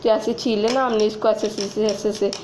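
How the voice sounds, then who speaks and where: Young woman, casual home vlogger, chatty and giggly, mid-pitched voice, faint kitchen noise behind. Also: fairly even intonation, fairly quick, a little mellow, rough recording. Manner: chatty, giggly, addresses viewers as friends. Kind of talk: casual cooking vlog.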